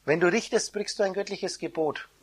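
A woman giving an esoteric sermon, preaching in the first person as God, her loudness swinging between soft and loud. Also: mid-range voice, a little fast, a little hiss or hum. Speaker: spiritual teacher.

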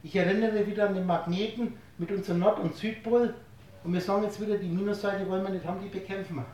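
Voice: medium pitch, steady tone, quick pace, darkish tone. Distant lecturer in a very echoey room. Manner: rhetorical questions and wordplay, explains through everyday analogies. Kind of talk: spiritual lecture to a live audience.

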